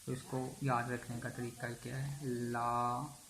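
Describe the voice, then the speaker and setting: A man with a Pakistani Urdu accent teaching chemistry, slowly chanting memory phrases syllable by syllable. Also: medium pitch. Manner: slow, even delivery, chants mnemonic phrases syllable by syllable. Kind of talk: classroom-style lesson with memory tricks. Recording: echoey room, faint background hum.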